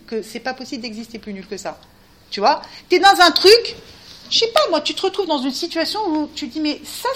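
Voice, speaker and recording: Woman teacher, high-pitched, lively preaching, addresses listeners directly. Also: a little hiss or hum. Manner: animated, talks to listeners directly, rising to cries. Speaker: Torah teacher. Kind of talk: spirited religious talk.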